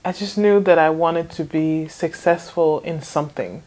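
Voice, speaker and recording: A woman's voice: low voice, moderate pace, dark tone. A young woman in her twenties from Denmark, answering interview questions casually with frequent hesitations and small laughs. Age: 20s. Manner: hesitant, many ums and restarts, laughs often. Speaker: interview guest, fashion designer.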